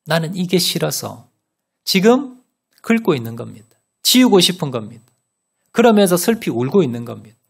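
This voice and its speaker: A man preaching a sermon as pastor, telling a story with rhetorical questions and sudden loud rises and soft drops. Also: fairly high pitch, big pitch swings, moderate pace, creaky, husky. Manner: asks the congregation rhetorical questions.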